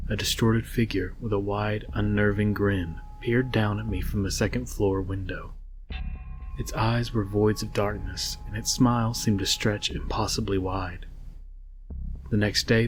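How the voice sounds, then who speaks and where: A man narrating a scary story in a low, haunting voice, reading in a measured, scripted way. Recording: music behind the voice. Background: music.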